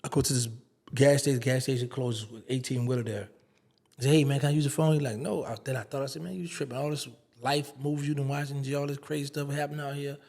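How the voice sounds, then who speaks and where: A man's voice: mid-range voice, a little fast, creaky. A man, an interview guest telling a casual story and acting out the dialogue. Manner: animated storyteller, acts out quoted dialogue.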